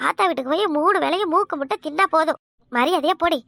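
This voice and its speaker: A woman doing a shrill, scolding village mother-in-law. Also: fast talker, gravelly, sharp tone, dry recording, clean studio sound, full character voice. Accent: Kanyakumari Tamil. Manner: scornful, scolding, harsh insults. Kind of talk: cartoon comedy voice acting.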